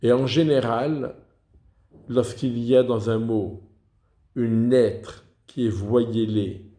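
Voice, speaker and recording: A man giving a slow, deliberate lesson on reading liturgical texts, pausing to sound out example words. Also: lowish voice, mellow, roomy sound. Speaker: teacher of Hebrew liturgical reading.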